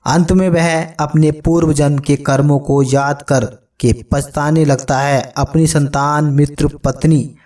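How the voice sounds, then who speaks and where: A man tells a religious tale in a slow, solemn narration with little rise and fall in his voice. His tone is dark and mellow, and he sounds set back from the microphone, a little distant. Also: medium pitch. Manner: solemn, measured storytelling addressed to friends.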